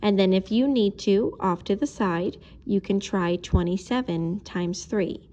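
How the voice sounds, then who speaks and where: A woman's voice: mid-range voice, unhurried, dark tone, lo-fi sound, slight background noise. A woman teacher recording a math video lesson, talking patiently and explaining each step while she writes.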